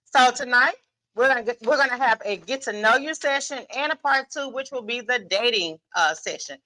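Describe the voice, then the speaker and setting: Captured in a rough recording, a woman's fairly high, expressive, sharp voice moves a little fast. She guest-moderates and hosts a live podcast panel, running the event with lively, unscripted banter. Her style is casual, playful and in command, and she repeats phrases to drive points home.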